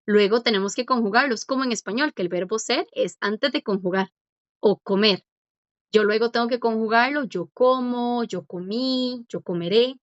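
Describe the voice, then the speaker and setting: A woman's voice: a little high, normal speed, no room sound. A woman teaching a language class, patient and encouraging as she quizzes students and praises their answers. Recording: dull lo-fi dry audio.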